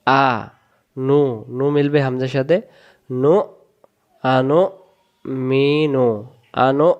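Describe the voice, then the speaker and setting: A man teaching Quran reading, sounding out Arabic syllables one at a time and then joining them in a slow recitation lesson. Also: mid-range voice, level tone, clear, resonant tone, lo-fi sound.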